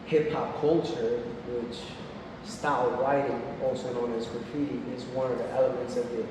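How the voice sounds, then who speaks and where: Casting: man in his forties, guest artist at a gallery talk, relaxed and explanatory, heard from a distance in a long-echoing room with background noise. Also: medium pitch. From Puerto Rico. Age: 40s. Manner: relaxed, explanatory, with frequent fillers. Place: art gallery. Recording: echoey gallery from far off, noisy.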